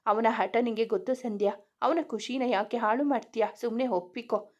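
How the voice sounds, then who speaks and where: A woman voicing a kindly elderly grandfather who coaxes gently. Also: a little high, normal speed, muffled recording, natural voice. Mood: gentle. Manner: gentle, coaxing.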